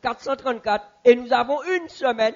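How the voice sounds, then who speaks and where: High-voiced man teaching a church class. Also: muffled recording. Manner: asks the audience questions, repeats slowly. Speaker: preacher teaching a Bible class. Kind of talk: interactive Bible teaching.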